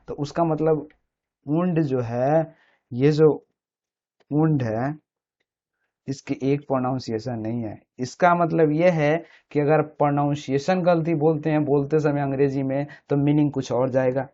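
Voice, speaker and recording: In a slightly high, mellow voice, a man walks through English grammar one step at a time, repeating the key words often. He keeps checking comprehension with "samajh rahe hain na?", and the lo-fi recording sounds dull.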